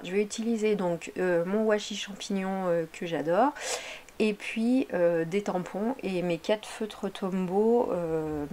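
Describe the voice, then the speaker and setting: A woman's voice: mid-range voice, a little mellow. A woman talking casually over her craft video, chatty and meandering, often correcting herself mid-sentence. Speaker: craft vlogger.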